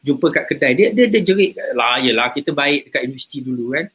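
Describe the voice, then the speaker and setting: A man with a husky, slightly breathy voice at an ordinary middle pitch. He talks easily about faith and character, slipping into stories and repeating words as he thinks. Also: expressive, fast talker, fairly bright tone. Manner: chatty storyteller, repeats words. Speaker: religious teacher and host. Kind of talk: casual talk on faith and character.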